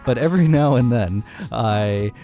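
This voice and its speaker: A man's voice: medium pitch, animated, moderate pace, over music. A man with a Maritime Canadian accent hosting a podcast in a casual, chatty, self-deprecating way. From Cape Breton, Canada. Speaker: podcast host.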